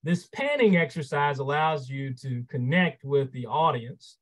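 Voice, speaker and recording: A man, a trial lawyer, giving an instructional webinar talk, expressive and measured, shifting loudness and pace to stress his points. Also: mid-range voice, rough recording. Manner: measured, explanatory, occasional fillers.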